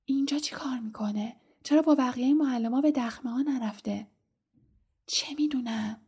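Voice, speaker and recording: A woman's voice: sits high, slightly rough, heavily acted. A woman voicing a brave, curious eleven-year-old schoolboy in a storybook reading, speaking urgently. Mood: hushed. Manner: urgent, sometimes hushed.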